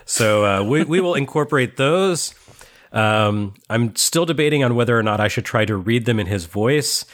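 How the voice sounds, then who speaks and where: Male podcast host, chatty, self-mocking, mid-pitched everyday voice, laughs often. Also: expressive, moderate pace. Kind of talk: casual chat.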